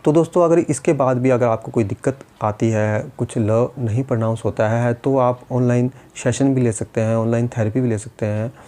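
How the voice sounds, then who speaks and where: A man's voice: mid-range voice, dark tone. A man teaching a speech-therapy lesson, patiently demonstrating and repeating sounds step by step.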